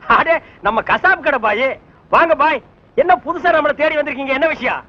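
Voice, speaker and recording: A sharp-tongued music teacher who mocks his new pupil. His voice sits very high and sarcastic. The sound is muffled and lo-fi. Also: lively intonation, normal speed. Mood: teasing. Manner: teasing, sarcastic. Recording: dull lo-fi film soundtrack.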